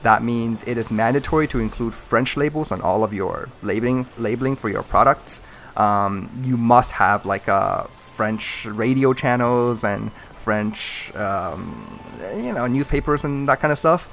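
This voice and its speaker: A man's voice: medium pitch, unhurried, gravelly, a bit bright, slight background noise. A man hosting a gaming video, chatting in a rambling, friendly way with lots of fillers and chuckles. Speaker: gaming channel host. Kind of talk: casual chat over gameplay.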